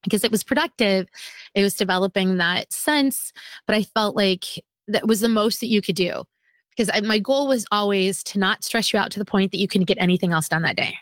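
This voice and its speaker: A homeschooling mother in her forties chats casually on a podcast, talking a little fast in a medium-pitched voice on a dry recording. She is talkative and self-deprecating, laughing at herself.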